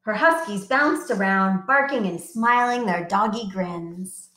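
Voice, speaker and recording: A children's librarian, a woman, reading picture books aloud and coaxing young children to join in with an animated, sing-song manner. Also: medium pitch, unhurried, echoey room.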